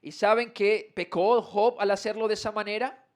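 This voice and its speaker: High-voiced preaching man. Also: fairly even intonation. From Colombia. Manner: preaches with rhetorical questions to the congregation; reads scripture slowly with swelling emphasis. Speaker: pastor. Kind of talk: sermon. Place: church sanctuary.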